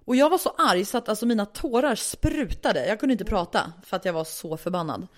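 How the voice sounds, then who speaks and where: A woman telling a story in casual chat, animated, indignant, and swearing freely. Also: medium pitch.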